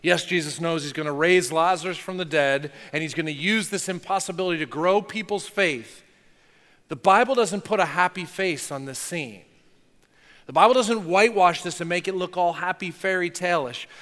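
A man's voice: high-pitched, moderate pace, a bit bright, big-room sound. A man preaching a sermon as pastor, talking earnestly and conversationally, with rhetorical questions to the congregation.

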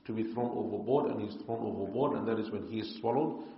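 A man teaching a religious lesson in a calm, explanatory way. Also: lowish voice, fast, creaky. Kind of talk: religious lecture. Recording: echoey hall, muffled.

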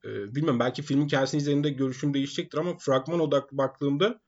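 A man's voice: medium pitch, steady tone, rapid-fire, a little mellow, dull audio. A man co-hosting a film podcast, giving opinions in a casual, teasing way. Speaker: podcast co-host.

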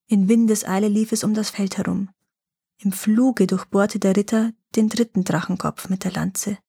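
Husky-voiced woman reading a legend. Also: medium pitch, warm tone, dry recording, clean studio sound. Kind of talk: scripted fairy-tale narration.

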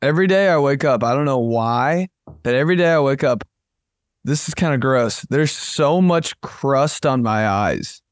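A man's voice: mid-range voice, expressive, normal speed, dry recording. A young man co-hosting a casual podcast from a home studio, joking crudely and swearing a lot, a little congested. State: congested with phlegm. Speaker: podcast co-host. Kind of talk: casual chat. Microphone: over-ear headphones and studio mic.

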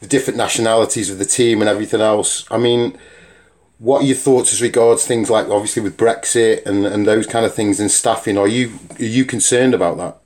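A man's voice: on the low side, steady tone, brisk, a little mellow. A man interviewing, asking long hesitant questions.

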